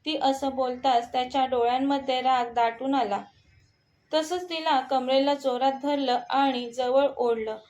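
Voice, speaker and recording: A woman's voice: high voice, steady tone, unhurried, a little mellow. A woman narrating a romantic short story, reading every character's lines in her own voice.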